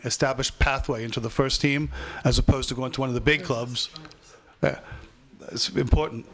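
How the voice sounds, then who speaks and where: A man who is a club chief executive, answering supporters' questions at a fans forum in a brisk, reassuring way with quick restarts. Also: medium pitch, fairly bright tone. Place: club function room.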